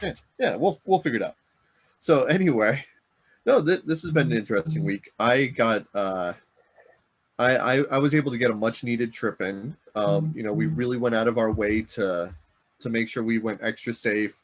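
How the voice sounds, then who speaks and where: A man's voice: mid-range voice, normal speed. A middle-aged man co-hosting a board game podcast in casual, rambling chat, often correcting himself as he talks. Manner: rambling, self-correcting, chuckling. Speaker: podcast co-host.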